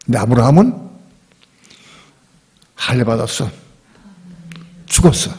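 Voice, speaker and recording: A male pastor preaching a sermon at a church service, telling the story in a lively, conversational and emphatic way. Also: medium pitch, a little slow. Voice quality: husky, gravelly.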